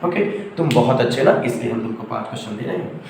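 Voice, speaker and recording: A man's voice: mid-range voice, animated, fast, gravelly, darkish tone. A man teaching a school math lesson, speaking fondly to the children and acting out their replies. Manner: affectionate, playacts students' replies. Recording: very echoey room, faint background noise.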